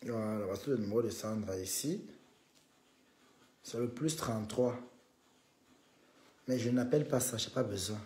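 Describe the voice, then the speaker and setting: A man's voice: mid-range voice, normal speed, pauses often, warm tone, reverberant. A man hosting a live stream, needling a rival and calling on his viewers in a combative way.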